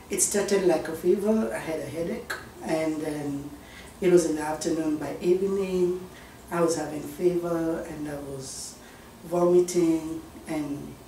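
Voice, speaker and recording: A young man recounts his story in a steady, measured way. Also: fairly high pitch, a little hiss or hum. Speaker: interviewee. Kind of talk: personal story for a documentary. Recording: echoey room, distant mic.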